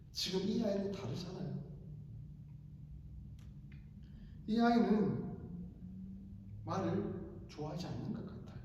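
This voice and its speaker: Man doing a soft patient wife talking her husband down, big echoey hall, mic far off. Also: high-pitched, highs cut off, slight background noise. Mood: pleading. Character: calm, gentle, faithful wife and mother.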